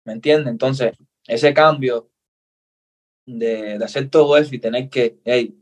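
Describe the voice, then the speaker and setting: A man's voice: medium pitch, measured pace. Earnest young Cuban man telling his story. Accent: Cuban Spanish. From Cuba. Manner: earnest, animated storyteller, acts out dialogue. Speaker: interview guest. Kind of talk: casual storytelling interview.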